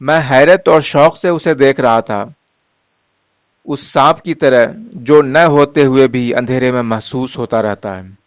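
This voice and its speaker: A man narrating a story in a measured, steady way, softening his voice for quoted lines. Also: mid-range voice, dry recording.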